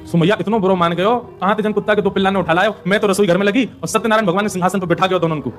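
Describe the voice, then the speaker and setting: A man's voice: high voice, steady tone, very fast, soft background music, lightly acted. A man voicing an aggrieved village milkmaid complaining indignantly.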